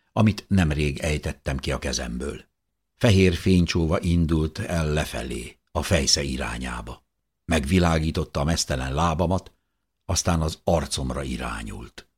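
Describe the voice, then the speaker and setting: A middle-aged man reading a first-person audiobook in a tense, expressive storytelling manner. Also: extremely low pitch, breathy edge. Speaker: audiobook reader.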